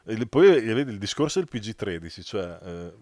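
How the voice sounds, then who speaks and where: A man with a fairly low voice, talking in a casual back-and-forth conversation. He comes across as agreeable and informal, recorded close with a dry sound. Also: sing-song, moderate pace, darkish tone. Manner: agreeable, often echoing and confirming.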